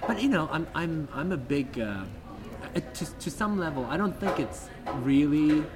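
A man's voice: on the high side, animated, moderate pace. A man hosting a casual podcast chat, talking hesitantly with frequent restarts. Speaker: podcast host.

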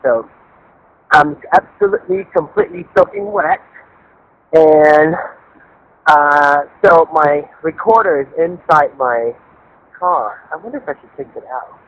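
A man calls his own voicemail from his car, and his rambling podcast chatter comes through a clipped, muffled phone line. His voice sits a little high for a man, full of restarts and filler sounds. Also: lively intonation, measured pace, pauses often. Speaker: podcast host. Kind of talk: casual solo monologue. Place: inside a car in heavy rain. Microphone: phone call to voicemail.

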